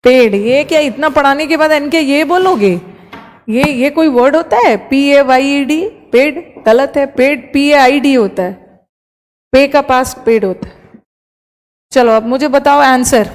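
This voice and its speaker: A woman teaching an English grammar class online, explaining in Hindi and reading example sentences slowly and carefully. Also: high voice, in a large hall.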